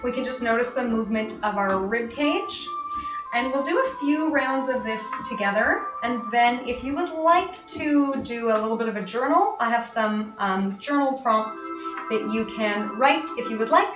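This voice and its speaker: A woman meditation teacher speaks in a fairly high voice, guiding listeners gently and without hurry. Her delivery is soothing and instructional. The room rings with clear echo, and music plays behind her. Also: expressive, normal speed. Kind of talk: guided meditation.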